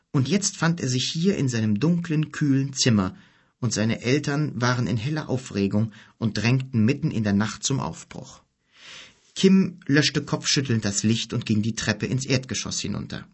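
A male narrator reading a children's fantasy audiobook in a steady, expressive way. His mid-pitched voice has a husky edge. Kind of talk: storybook narration.

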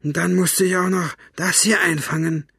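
A man's voice: fairly even intonation, normal speed, gravelly, sharp tone, husky, no room sound, full character voice. A coarse, irritable henchman who grumbles in a voice pushed well above the reader's own, as a man puts him on. It sounds dry and close. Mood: grumbling. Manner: grumbling, raised pitch.

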